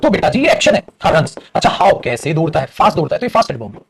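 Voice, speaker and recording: A man's voice: a little high, very animated, rapid-fire, gravelly. A man teaching English grammar in an online live class. He calls his students 'beta' fondly, mixes Hindi and English, and makes teasing asides.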